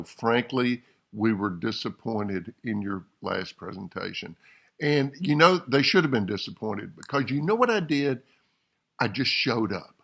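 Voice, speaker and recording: Gravelly-voiced man, candid and earnest. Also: medium pitch, a bit bright. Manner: earnest, candid, upbeat sign-off. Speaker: professional speaker. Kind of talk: reflective talk to camera.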